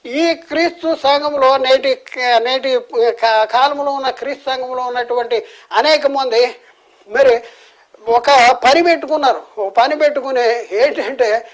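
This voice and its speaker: A man from India preaches in Telugu-accented speech with a high, light voice. He is earnest and keeps asking the listeners rhetorical questions, with restarts along the way. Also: measured pace, pauses often, low-quality recording. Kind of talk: sermon.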